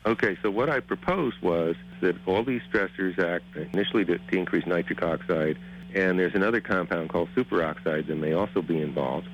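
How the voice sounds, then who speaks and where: A man with a lowish voice speaks as an academic guest, laying out his explanation methodically. The sound is dull, with faint noise behind it. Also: a little fast. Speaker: biochemistry professor, interview guest. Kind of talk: explanatory expert interview.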